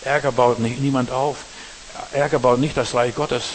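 Man, preacher, emphatic sermon, mid-pitched voice, faint hiss. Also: fairly even intonation, normal speed, low-quality recording. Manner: emphatic, talks straight to the congregation with repeated tag questions.

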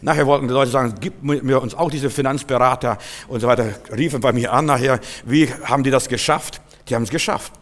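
A man's voice: medium pitch, steady tone, fast talker. A man preaching a sermon in a folksy way, acting out the figures he quotes. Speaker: pastor. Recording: long reverb of a hall.

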